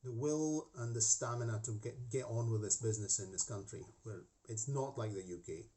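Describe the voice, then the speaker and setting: This middle-aged man speaks a little fast, with a dark tone and medium pitch, and his accent is Scottish-tinged from being half Scottish. As host of a hobby model-making channel, he chats casually to the camera facing him in his home hobby room with a desk, often restarting and going off on asides.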